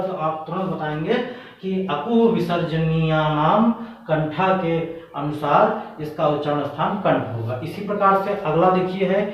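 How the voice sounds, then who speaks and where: A man gives an exam-prep grammar lesson in a patient, repetitive way, asking questions and then answering them himself. His voice sits a little high and comes from some distance off the mic. The room is very echoey and the sound is dull. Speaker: Hindi grammar teacher.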